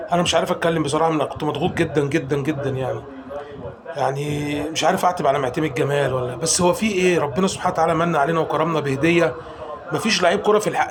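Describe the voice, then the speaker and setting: A man with an Egyptian accent reacts to a football match in an emotional, rapid-fire fan vlog. He calls out the players one by one at a breakneck pace, in a fairly high voice. A crowd can be heard clearly behind him. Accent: Egyptian Arabic.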